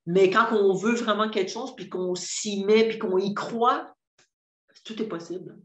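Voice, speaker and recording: Speaking with a Québécois French accent, a woman from Quebec in her fifties shares a sincere testimony as a client of a program, full of hesitations and restarts. She has a medium-pitched, steady, slightly bright voice and a measured pace, recorded in a dull, lo-fi way with roomy echo.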